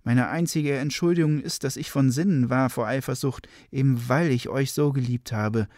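A man's voice: mid-range voice, normal speed, a little mellow, no echo, close to an everyday voice. Man voicing remorseful Frankish king, courtly pleading apology, spoken legend, dry sound.

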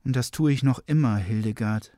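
A man's voice: mid-range voice, fairly quick, warm tone, natural voice. A remorseful king of the Franks in a spoken legend, read by a man. He speaks in a courtly, pleading manner and apologizes ardently. The recording is dry and close, with no echo.

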